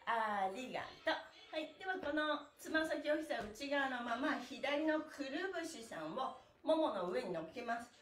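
A middle-aged woman leads a live stretching lesson in a small, bare indoor room, demonstrating moves and chanting the counts. Her fairly high voice is very animated, sing-song, cheerful and encouraging at a normal speed, and the distant mic picks up a lot of room echo.

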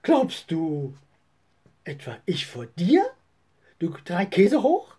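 A woman's voice: fairly low pitch, huge pitch swings, takes it slowly, mellow, breathy edge, exaggerated voice. A woman voicing a defiant little boy who insists he is right. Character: stubborn little boy, the younger brother.

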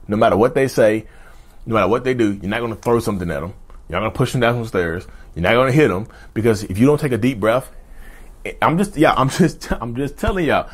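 A man in his thirties hosting a mental health channel, talking straight to camera in an emphatic, repetitive way and calling viewers y'all. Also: mid-range voice. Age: 30s. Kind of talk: direct-to-camera advice talk. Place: indoor studio with backdrop.

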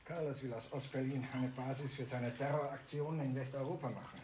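A stern, distrustful security official voiced by a man in a film dub. He speaks curtly and with authority at a middle pitch, with steady noise behind him. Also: a little fast, natural voice. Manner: curt, authoritative.

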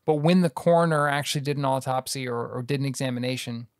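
A man's voice: mid-range voice, fast talker, no echo, clean studio sound. A man co-hosting a podcast in casual chat, joking and explaining researched details. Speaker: podcast co-host.

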